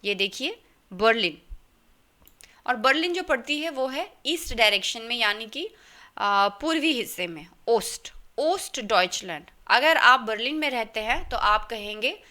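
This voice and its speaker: A woman's voice: a little high, expressive, unhurried, sharp tone. A woman teaching German to learners in Hindi with an Indian accent, explaining step by step and often checking in with "okay?". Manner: explanatory, checks in with a frequent "okay?" and spells words letter by letter. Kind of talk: explaining a lesson in Hindi and English.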